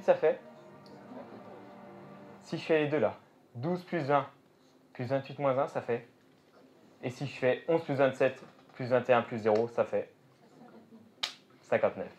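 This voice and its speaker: A man's voice: medium pitch, measured pace, long pauses, darkish tone. A man performing live magic show patter, thinking aloud and addressing the audience. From France. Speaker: stage magician. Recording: dull lo-fi show recording with music. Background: music.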